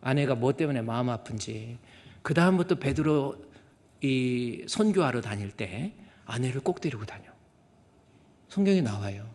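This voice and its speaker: Korean pastor preaching in an echoing sanctuary. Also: male voice, mid-range voice, expressive, unhurried, darkish tone. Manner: colloquial storytelling, acts out quoted voices. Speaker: senior pastor. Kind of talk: sermon. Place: church sanctuary.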